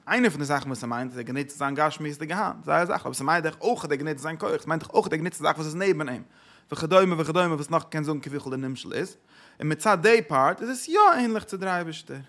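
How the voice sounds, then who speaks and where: Male religious teacher, fairly high voice, repetitive step-by-step explainer, drops in English words. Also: fairly bright tone. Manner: explains step by step with rhetorical questions, repeats phrases. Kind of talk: text-study lecture.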